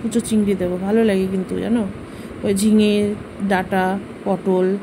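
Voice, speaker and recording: A middle-aged woman rambles on to her viewers about her day's chores in a homely, chatty way. Household noise is clearly heard behind her. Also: medium pitch, level tone, moderate pace. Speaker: vlogger. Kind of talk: casual household vlog chat. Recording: noisy home recording.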